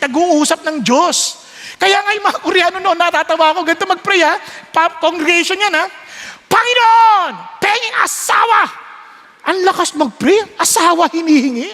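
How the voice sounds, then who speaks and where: A man preaching a sermon, storytelling with lively switches between Tagalog and English and acting out voices. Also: very high-pitched. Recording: long hall reverb.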